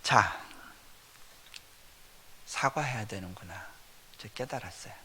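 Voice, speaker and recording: A man's voice: fairly low pitch, animated, takes it slowly, pushed and bright, a little hiss or hum. A man, a missionary preacher, telling personal stories in a conversational sermon, often chuckling between points. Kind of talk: storytelling sermon at a revival meeting. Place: church sanctuary. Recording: long reverb of a church hall.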